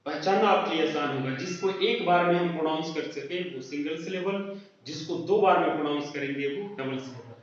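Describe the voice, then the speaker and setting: Man teaching grammar in an echoey room. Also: on the high side. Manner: explains slowly, asks and answers his own questions. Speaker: English teacher. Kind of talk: classroom grammar lesson. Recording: roomy echo, distant lo-fi mic.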